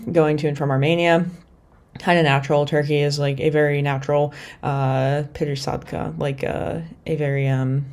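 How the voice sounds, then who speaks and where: This travel vlog features a young American woman whose low voice carries a darkish tone. She rambles in a relaxed way, full of "like" and "you know."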